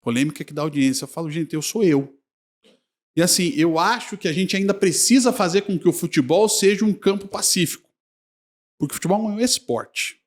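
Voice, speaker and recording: A man's voice: sits high, moderate pace. A male sports journalist, telling anecdotes in a casual podcast chat with frequent laughter. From Brazil.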